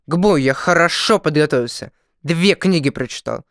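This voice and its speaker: A nervous, honest peasant potter from a fairy tale, as a man plays him. He stammers and gets flustered but stays earnest, and his voice is raised and gravelly. The sound is close and dry. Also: a little high, expressive, moderate pace, fairly bright tone, no echo. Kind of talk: storybook reading.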